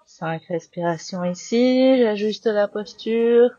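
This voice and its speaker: A woman with a French accent guiding a yoga class, giving calm, slow cues with breath counts. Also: medium pitch, dry recording, highs cut off. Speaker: yoga teacher. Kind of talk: guided yoga class instruction.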